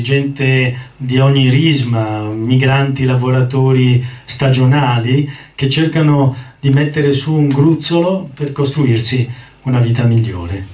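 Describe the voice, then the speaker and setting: A male lecturer talks about a novel in a thoughtful, halting way, pausing often to hesitate. His mid-range voice echoes through a roomy hall. He sits well away from the mic. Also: mid-range voice, a little mellow, far from the mic. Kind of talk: literature lecture.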